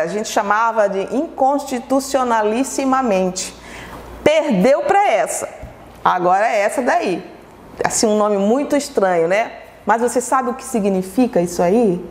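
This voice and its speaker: Slow, patient woman teacher for young pupils, a little high, in an echoey room with a long tail. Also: a little mellow. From Brazil. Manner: slow, patient, asks pupils questions and answers them herself. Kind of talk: televised classroom lesson for children.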